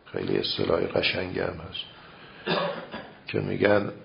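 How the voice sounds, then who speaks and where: A man's voice: sits low, sing-song, creaky, background noise. A man giving a seminary-style religious lecture, explaining ideas through rhetorical questions and everyday examples. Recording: dull lo-fi recording.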